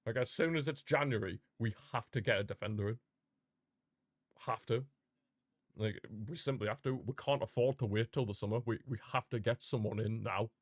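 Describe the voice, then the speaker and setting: Reacting live to a football game as a streamer, a man rants and speaks directly to his chat with passionate, frustrated outbursts. He has a mid-range voice at a moderate pace, captured as a dry, clean studio recording.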